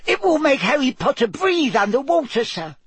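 A man voicing a small, earnest, frantic house elf servant in a storybook reading, squeaky, servile and urgent. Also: very animated, moderate pace, dry recording. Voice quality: squeaky, husky. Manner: servile, urgent, refers to himself in third person.

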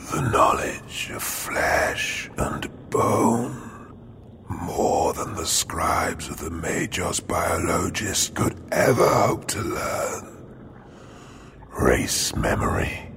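A man voicing a sinister adept merged with an alien hive, speaking in a slow, breathy, gravelly whisper that rises into cries. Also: low-pitched, fairly bright tone, heavily acted. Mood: gloating whisper. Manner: slow, hissing, gloating, rising to cries. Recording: noisy background.

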